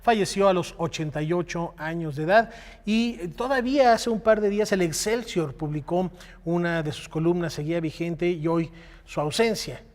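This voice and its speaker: Male co-anchor, solemn measured delivery, somewhat high voice, reverberant studio. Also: a little mellow. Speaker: news co-anchor. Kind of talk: studio news conversation.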